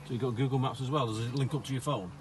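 A man hosting a club channel, chatting casually inside a campervan and asking quick follow-up questions. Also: mid-range voice, steady tone, noisy background. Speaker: host of a club video channel. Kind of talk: casual walkthrough chat. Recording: loud background music.

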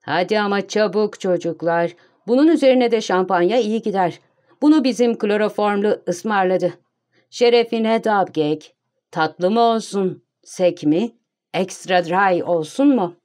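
Lady reading as a smug showy gentleman thief, teasing, mellow low tone, audiobook. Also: a little slow, close to an everyday voice. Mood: breezy. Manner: teasing, theatrical showman. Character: mocking, cocksure male gentleman thief.

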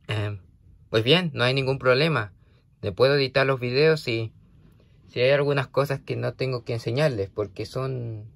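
A man's voice: medium pitch, a bit bright, no echo. A man vlogging casually, rambling hesitantly with many fillers and restarts as he talks to a toy companion. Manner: hesitant, full of fillers and restarts, scolding then apologetic. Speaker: vlogger talking to a toy creeper.

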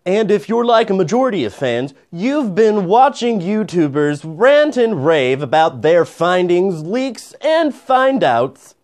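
A man's voice: high-pitched, big pitch swings, unhurried, few pauses, darkish tone. A young man playing a formal, declamatory male TV news anchor in a comedy sketch. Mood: mock serious. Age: young adult. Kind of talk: mock news anchor delivery, blooper takes. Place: indoors in front of a green screen.

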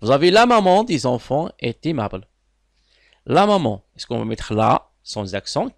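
A man with a Moroccan accent teaching a class as he corrects an exam, explaining slowly, repeating words and asking his students questions. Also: mid-range voice, sing-song, vocal fry, no room sound, studio quality.

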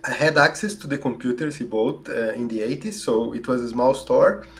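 Recorded on a big studio mic on a boom arm in a home office, this man in his forties from southern Brazil fields interview questions as a guest, stumbling through fillers and restarts. His Brazilian Portuguese-accented delivery is expressive and moderately paced, with vocal fry.

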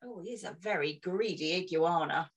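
A woman's voice: fairly low pitch, moderate pace, slightly rough. A woman reading a picture book aloud to children, playful and full of exclamations. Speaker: children's storyteller. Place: indoors, on a video session.

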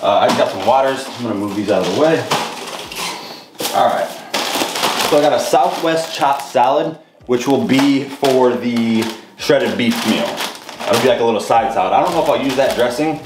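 A young fitness vlogger chats casually to camera in his home kitchen, showing off his groceries in a loose, rambling way packed with "uh" and "like." He has a mid-range voice and a moderate pace. The roomy kitchen leaves clear background noise in the recording.

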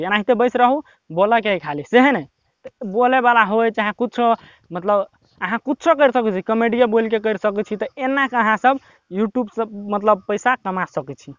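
A young man with a Maithili accent giving casual, rambling, encouraging advice to viewers, with lots of filler words, filmed by his brother in a quiet spot. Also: high voice, smooth, dry recording, muffled recording. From Nepal. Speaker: YouTube tips vlogger. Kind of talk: casual motivational talk to camera.

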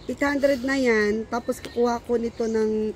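Lively woman haggling at the beach. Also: a little high, normal speed. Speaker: vlogger and shopper. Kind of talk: casual chat while bargaining. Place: sunny beach outdoors. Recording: outdoor beach noise behind.

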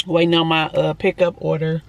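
A woman's voice: deep voice, little pitch movement, fairly quick, creaky. A woman vlogging into a handheld camera in easy everyday chat. She keeps calling her viewers y'all, talks bluntly and swears a lot. A faint hiss sits under her voice. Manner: blunt, swears freely when venting. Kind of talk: casual vlog chat to camera.

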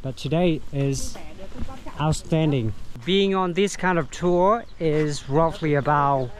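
A Vietnamese-accented man with a fairly high voice vlogs casually as a tour guide while trekking a mountain trail outdoors. His English is halting as he searches for words, captured on a carried action camera with a little hiss or hum.

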